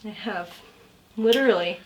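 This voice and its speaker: A woman's voice: medium pitch, normal speed, lo-fi sound. A young woman, a cast member, chatting casually in a group with lots of giggling and playful rambling.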